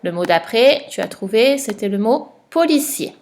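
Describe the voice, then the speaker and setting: Patient woman teacher, drawn-out words. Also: on the high side, lively intonation, a little mellow, a little hiss or hum. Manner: slow, patient, stretches out words for dictation. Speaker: primary school teacher. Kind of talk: recorded spelling lesson for a child at home.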